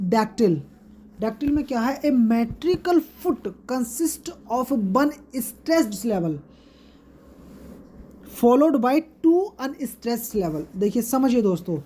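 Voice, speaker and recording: A woman teacher with an Indian English accent, giving an exam-prep lesson and repeating each term slowly for her students. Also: on the high side, mellow.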